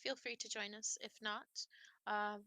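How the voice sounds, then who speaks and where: A woman's voice: mid-range voice, flat delivery, sharp tone, dry recording. Woman playing an eager, polite adventurer. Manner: polite, brisk and earnest. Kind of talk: tabletop role-play voicing.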